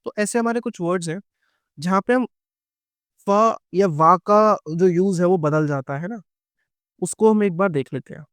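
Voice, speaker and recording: A middle-aged man with an Indian English accent, teaching English grammar to exam students. His voice is smooth and resonant, a little higher than most men's, and recorded close and dry. He explains patiently and asks the class questions that he answers himself. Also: moderate pace, long pauses, a bit bright, dry recording. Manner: explains patiently, checks in with "है ना" and "ठीक है" and calls students "बेटा". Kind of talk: exam-prep grammar lecture.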